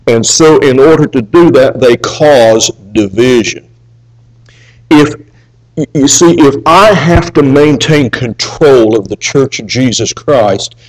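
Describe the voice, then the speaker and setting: A man preaching a sermon, reading scripture aloud and swinging between raised emphasis and hushed asides. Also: medium pitch, rough recording.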